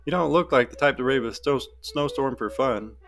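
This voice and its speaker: A woman's voice: a bass voice, normal speed, faint music behind. A man voicing a tough, sarcastic country woman with a lazy Southern drawl, read from a story. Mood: teasing.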